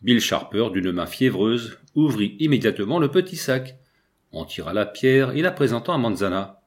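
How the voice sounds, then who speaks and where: Un homme lit à voix haute un roman d'aventures, en narration écrite, avec un français et des dialogues joués légèrement. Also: male voice, medium pitch, very animated, normal speed. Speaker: audiobook reader. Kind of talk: scripted narration.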